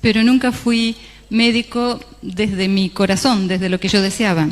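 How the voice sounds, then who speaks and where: An interpreter renders a religious talk phrase by phrase, hesitating slightly along the way, in an unhurried, level, mid-range voice. The setting is a large church hall, and the recording carries long hall reverb.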